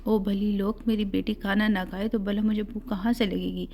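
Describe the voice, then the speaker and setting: A woman's voice: mid-range voice, flat delivery, vocal fry, mellow. A woman voicing a stern but loving rural landlord father in an audiobook story, speaking with fatherly affection and teasing. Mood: fond.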